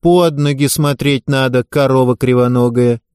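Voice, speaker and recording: A man's voice: medium pitch, fairly even intonation, moderate pace, a little mellow, clear, resonant tone, no room sound, studio quality, close to an everyday voice. A man reading the part of a spiteful older teenage girl gymnast who taunts a younger girl. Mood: mocking.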